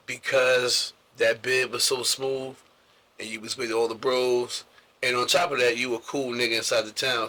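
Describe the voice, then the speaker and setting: Male interviewer, low monotone, bright tone, slangy rambling questions. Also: rough recording. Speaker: podcast host. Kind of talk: casual interview.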